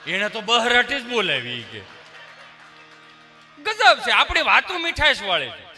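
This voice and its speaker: A man's voice: very high-pitched, wildly swooping pitch, unhurried, bright, forceful tone, soft background music. A male stand-up comedian with a Kathiawadi Gujarati accent, telling folksy stories on stage in rustic dialect. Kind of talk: live stand-up storytelling. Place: stage before a live audience.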